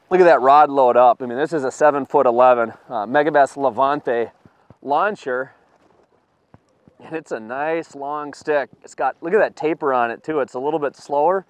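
A fishing video producer in an open boat on a lake shows off his tackle in an on-the-water demonstration, upbeat and explanatory and getting excited when he lands catches. His mid-range voice comes through on a dry recording.

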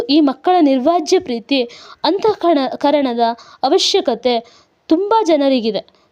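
A woman narrating a story in a calm, even-paced reading. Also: sits high. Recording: dull lo-fi recording.

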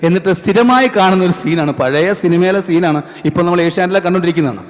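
A man's voice: high-pitched, fast talker. A man performing a mimicry comedy routine on stage, talking to the audience in a conversational way. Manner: lively, conversational. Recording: echoey stage hall.

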